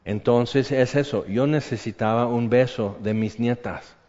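An older man preaching a sermon, animated and conversational, dropping to a hush for emphasis. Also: medium pitch, unhurried. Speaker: pastor. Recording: echoey hall, dull lo-fi sound.

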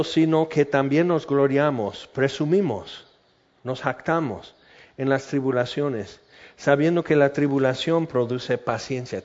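A man gives a sermon in a casual, joking, conversational way, acting out everyday scenes as he goes. His voice sits somewhat high for a man. The recording is muffled and lo-fi. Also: darkish tone. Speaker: preacher.

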